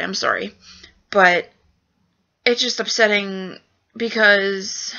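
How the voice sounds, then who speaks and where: Young woman ranting on her vlog, bright gravelly voice, swears a lot, lo-fi webcam sound. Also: medium pitch. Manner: frank, profane, full of fillers. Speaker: vlogger. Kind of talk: venting vlog. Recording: dull lo-fi webcam audio.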